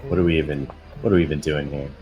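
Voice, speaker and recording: A man's voice: extremely low pitch, steady tone, very fast, dull audio, over music. A man playing a tabletop game, chatting casually and joking with the group. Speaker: player.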